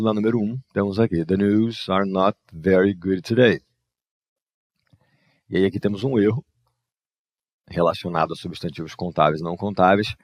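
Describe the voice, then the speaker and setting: This man's voice sits on the low side, captured cleanly in the studio with no room sound. Sharing his screen, he patiently walks through answers to English exercises, sprinkling in "né" and "ó" as he goes.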